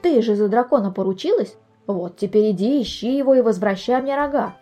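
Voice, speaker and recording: A woman doing a shrill, hot-tempered rooster. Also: lively intonation, a little fast, faint music behind. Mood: angry. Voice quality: shrill, shouting.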